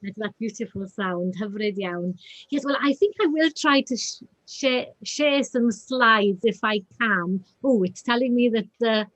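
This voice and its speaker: A woman with a Welsh accent speaks in a fairly high voice. She lectures informally over a video call, explaining things conversationally and dropping in Welsh phrases. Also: a little slow, a bit bright, lo-fi sound. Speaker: guest speaker, professor.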